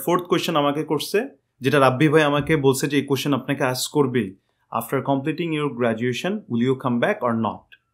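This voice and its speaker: Young man, fast, rambling storyteller, podcast guest. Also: medium pitch. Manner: rambling, animated retelling with self-corrections. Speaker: guest, visa applicant. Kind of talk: casual interview storytelling.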